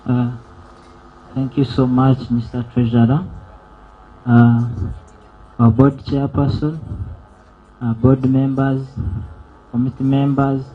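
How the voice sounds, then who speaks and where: Slow, flat-voiced husky man. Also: mid-range voice. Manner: hesitant formal greetings. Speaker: manager addressing a members' meeting. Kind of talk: formal address to members. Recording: dull lo-fi event recording.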